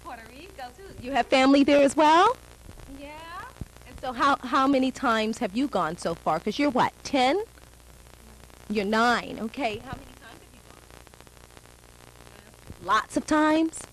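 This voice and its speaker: A woman from New York hosting a children's show, chatting with kids in a lively, encouraging way and laughing often. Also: high voice, unhurried, a little hiss or hum, poor audio. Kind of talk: casual chat with children.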